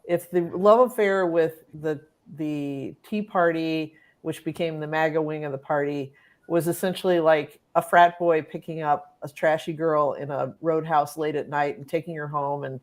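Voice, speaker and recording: A woman's voice: low voice, steady tone, moderate pace. Woman chatting on a political panel. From Ohio. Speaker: regular panelist. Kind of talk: casual political panel talk.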